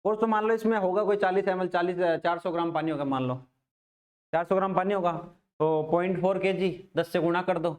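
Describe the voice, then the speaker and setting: A man's voice: high-pitched, fairly quick. A man teaching physics in a casual classroom lecture, repeating questions to his students.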